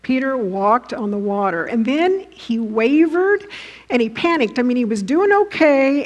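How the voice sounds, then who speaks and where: Her voice fairly high and a little mellow, a woman delivers a vivid sermon in which she has her listeners imagine the scenes she paints and frequently asks them questions directly.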